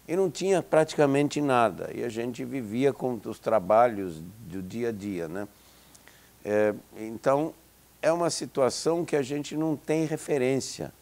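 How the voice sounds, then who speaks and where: An Israeli psychology professor in his seventies, a native Hebrew speaker, gives a reflective interview as a guest. He sounds hesitant, often restarting and using fillers. His mid-range voice has a darkish tone and a measured pace.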